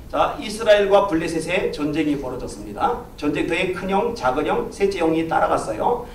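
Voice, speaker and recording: A pastor preaching a sermon, telling a story with lively swings of voice and acting out the people in it. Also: male voice, sits high, a little hiss or hum. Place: church sanctuary. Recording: echoey church, from far off.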